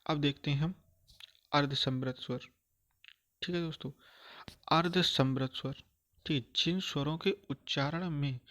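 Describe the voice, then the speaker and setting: A man with a somewhat high voice teaches a grammar lesson. He keeps checking that his listeners follow, repeating phrases and drawing out each vowel slowly as he demonstrates it. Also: highs cut off. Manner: repetitive, calls listeners "friends", checks understanding often; slows down to sound out vowels.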